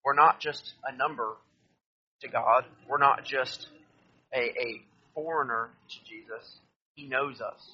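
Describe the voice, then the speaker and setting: A man's voice: mid-range voice, fairly even intonation, measured pace, slightly rough, highs cut off. A man preaching a sermon, reading scripture aloud, explaining it and asking listeners to turn to verses. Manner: addresses listeners directly, asks them to turn to verses.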